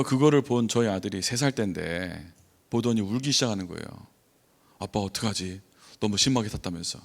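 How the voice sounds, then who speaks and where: Middle-aged man preaching, lively voice. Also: medium pitch. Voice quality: voice that sounds angry by default. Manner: animated storytelling, rhetorical questions to the congregation. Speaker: missionary preacher. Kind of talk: conversational sermon. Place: church sanctuary.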